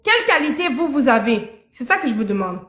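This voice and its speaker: Woman, live-stream host, high voice, bright tone, probing questions, echoey room. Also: sing-song, brisk.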